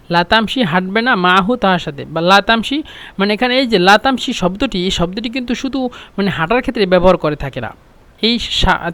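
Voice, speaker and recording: High-voiced man teaching Arabic. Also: a bit bright, no echo. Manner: patient, repeats phrases, frequent "meaning" fillers. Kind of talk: spoken language lesson.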